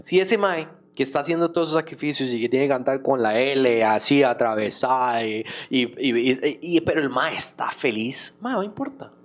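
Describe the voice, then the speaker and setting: A man with a Costa Rican accent, a guest musician talking in a relaxed, slangy and animated way in a casual conversation. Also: medium pitch, normal speed, few pauses. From Costa Rica.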